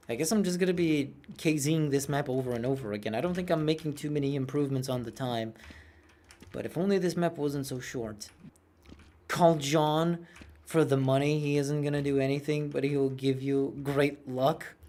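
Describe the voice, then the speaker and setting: A man's voice: a little high, moderate pace, darkish tone. A man in his twenties chatting casually while streaming a game, rambling and self-mocking, with a cartoonish voice. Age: 20s. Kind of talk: casual gameplay chat.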